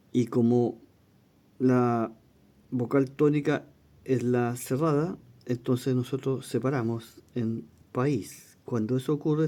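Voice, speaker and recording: A man teaching an exam-prep lesson, reading questions aloud and explaining them, often checking in with a quick question. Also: mid-range voice, warm tone.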